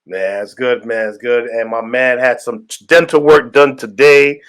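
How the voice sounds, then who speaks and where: A man's voice: medium pitch, fairly even intonation, moderate pace, clean tone. A man and pastor hosting a casual podcast, greeting listeners with hype and rambling through his points. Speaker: host and pastor.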